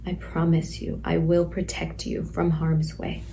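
A woman voicing a tender pregnant teenage girl in detention, talking slowly and softly, now and then dropping to a whisper. Her voice is low and mellow. A faint hiss sits behind her. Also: completely flat delivery, gravelly, rough recording. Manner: soft, slow, some lines whispered. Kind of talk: stage monologue, letter to her unborn baby.

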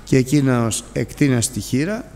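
Man, preacher, sermon, dramatic storytelling, swings in pitch and volume, middle pitch, long hall reverb. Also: lively intonation, darkish tone.

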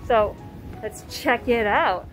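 Bubbly woman vlogger over loud music. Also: on the high side, slow, rough recording. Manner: bubbly and gushing, excitable. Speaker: vlog host. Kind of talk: casual travel vlog. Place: small quiet cafe indoors.

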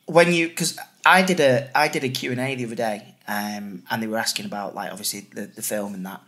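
A man's voice: lowish voice, steady tone, fairly quick, fairly bright tone. Rambling man in his late twenties. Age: late 20s. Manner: rambling, self-interrupting storyteller. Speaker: podcast co-host. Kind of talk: casual chat.

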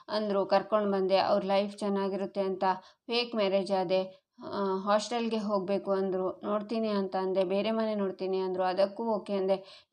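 A woman's voice: mid-range voice, darkish tone, lightly acted. A woman voicing a resentful young husband who feels ignored, in a read-aloud story recap. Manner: bitter, complaining.

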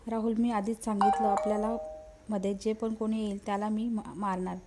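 A woman's voice: medium pitch, flat delivery, a little fast, very noisy, lightly acted. A woman voicing a vengeful, possessive female ghost, by turns menacing and mournful, in a storybook reading. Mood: threatening.

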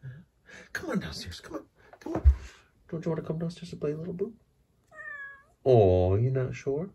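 A man filming his cat at home and talking to it in soft, doting baby talk, often dropping to a whisper, recorded on a handheld phone in a carpeted basement. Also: a little high, very animated, moderate pace, husky. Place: carpeted house basement, indoors. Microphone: handheld phone camera.

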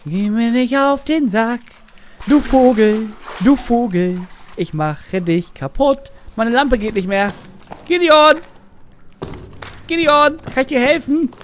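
A man giving casual gameplay commentary as a let's play gamer, excitable and swearing at the game. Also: very high-pitched, unhurried. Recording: noisy game sound behind. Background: game gunfire and noise.

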